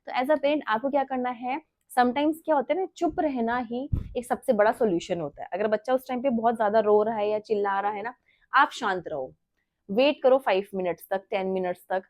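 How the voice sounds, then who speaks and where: A woman's voice: on the high side, moderate pace, no room sound, studio quality. A young woman, a mother, giving earnest parenting advice in a casual talk, mixing English phrases in and checking in with "right?". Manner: earnest, mixes English phrases into Hindi, many rhetorical "right?". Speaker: parenting vlogger.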